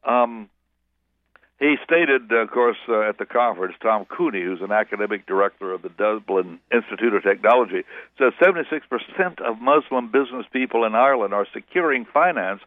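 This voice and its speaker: A man's voice: on the low side, expressive, a little fast, no room sound. A man, a pastor as guest, talking in a rambling, self-correcting way in a radio interview by phone. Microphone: telephone. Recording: tinny, dry phone line.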